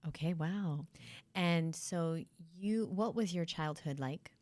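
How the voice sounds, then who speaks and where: A woman's voice: lowish voice, takes it slowly, darkish tone, no room sound. A woman in her thirties hosting a casual interview with her best friend, playful and teasing. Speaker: host.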